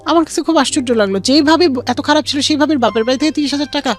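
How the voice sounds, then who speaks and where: In an interview, a woman with a Bangladeshi accent shares her life story as a guest, voicing both people in conversations she remembers. Her voice is high and she talks very fast, with music playing in the background.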